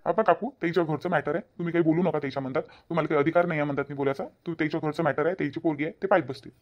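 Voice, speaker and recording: Voice actor doing a fast-talking meddling young villager. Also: mid-range voice, steady tone, dull audio, natural voice. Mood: persuasive. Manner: rapid, persuasive, placating. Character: meddling young village man, smooth talker. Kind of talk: cartoon voice acting.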